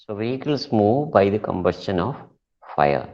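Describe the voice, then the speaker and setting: A male teacher leads an online lesson at a very slow, careful pace, dragging out words to show how they sound. His low voice carries a gravelly fry. The audio is dull and lo-fi, like a class sent over a weak network. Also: very animated. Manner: deliberate, repeats words slowly for pronunciation; switches between English and Malayalam. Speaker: English teacher.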